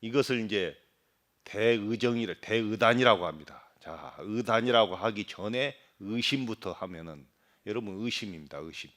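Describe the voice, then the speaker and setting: A middle-aged Buddhist monk with a voice on the low side speaks at a moderate pace during a dharma talk. He questions his listeners and imitates regional dialects, moving between loud emphasis and quiet asides.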